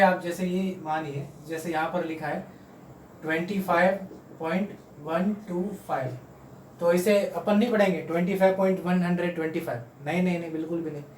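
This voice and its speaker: A patient male teacher walks children through a math lesson, saying each number slowly and more than once. His voice sits a little high and reaches the mic from across a roomy space at home. A faint hum runs underneath. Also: recorded from a distance. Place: room at home.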